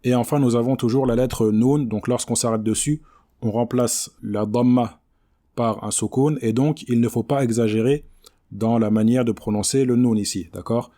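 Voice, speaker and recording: A man teaching Quran recitation, speaking standard French with a patient manner and modeling words slowly and repeatedly. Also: medium pitch, fairly even intonation, warm tone. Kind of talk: explanatory lesson on recitation.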